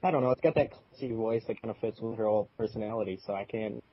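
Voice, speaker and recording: A man's voice: on the low side, quick pace. Easygoing man steering a podcast. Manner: easygoing, steers the conversation along. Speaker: podcast co-host. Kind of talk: casual podcast chat. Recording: muffled lo-fi recording.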